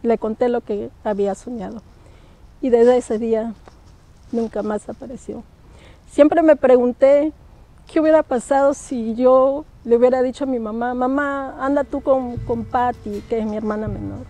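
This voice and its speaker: A woman's voice: on the high side, steady tone, normal speed, warm tone. A middle-aged woman telling a personal ghost story, emotional and hesitant, often repeating her words. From Peru. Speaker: guest storyteller. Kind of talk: personal paranormal testimony.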